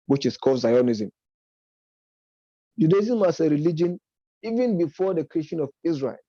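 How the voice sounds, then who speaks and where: A man who speaks on politics and religion gives an unscripted, lecture-style commentary, arguing step by step and correcting himself in a measured way. His medium-pitched voice is warm with a breathy edge. The lo-fi recording has no room sound.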